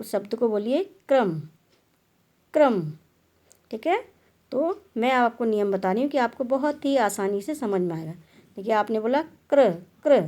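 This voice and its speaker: A woman's voice: a little high, mellow. A woman teaching a grammar lesson, explaining patiently and sounding out syllables one by one. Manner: patient, explanatory, repeats "dekhiye" and "theek hai".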